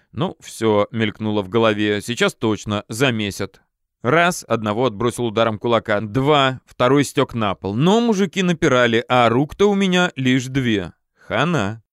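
A man reads a first-person audiobook in a medium voice. His storytelling is lively and peppered with slang. The recording is dry and close-miked. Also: medium pitch, clean tone, dry recording. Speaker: narrator. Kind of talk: audiobook narration.

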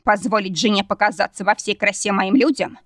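A woman reading the part of a hot-tempered male demon husband in an audiobook, with a husky, growling delivery. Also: mid-range voice, brisk, a bit bright, dry recording, clean studio sound, close to an everyday voice. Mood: mocking.

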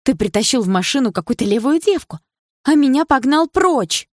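A woman voicing a jealous young woman who sounds shrill, hurt and indignant in an audiobook. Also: animated, moderate pace, a little mellow, no echo, studio quality.

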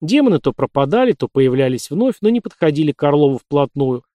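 A man narrating an audiobook in a lively, playful storytelling manner. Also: on the high side, fairly quick, no room sound.

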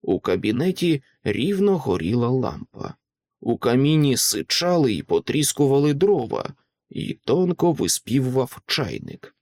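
A man narrating an audiobook in a dramatic, expressive reading style on a close microphone. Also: medium pitch, measured pace, dry recording. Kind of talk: scripted literary narration.

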